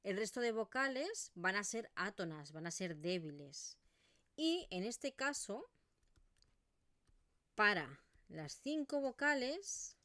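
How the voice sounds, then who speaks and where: A woman's voice: fairly high pitch, sharp tone, dry recording, clean studio sound. A woman with an Eastern Catalan accent teaching pronunciation in an online video lesson, modelling vowel sounds as she explains.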